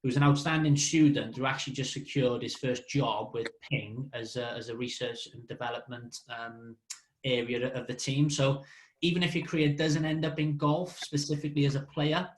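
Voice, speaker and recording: A man presents a Q&A session as its host in an informal, slightly halting way. His voice sits at a medium pitch and comes with noticeable room echo. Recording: echoey room sound.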